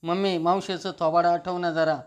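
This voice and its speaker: A man reading the lines of a cocky young woman who gloats slowly about her scheme. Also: lowish voice, level tone, darkish tone, clear, resonant tone, lightly acted. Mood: gloating.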